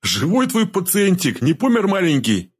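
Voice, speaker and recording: A man voicing a gruff, sardonic male healer who chain-smokes and talks bluntly and coarsely. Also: medium pitch, animated, normal speed, pitched above the performer's own voice. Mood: mocking.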